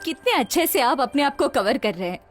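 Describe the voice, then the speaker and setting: A woman's voice: high voice, big pitch swings, a little fast. An actress dubbing a determined young woman who pushes confrontationally for justice. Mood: insistent. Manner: insistent, confrontational. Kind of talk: Hindi dubbed action film. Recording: film dub with background music.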